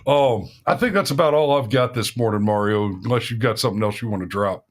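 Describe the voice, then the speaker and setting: A man's voice: on the low side, fast talker. Emphatic man hosting a talk show. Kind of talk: casual opinionated chat.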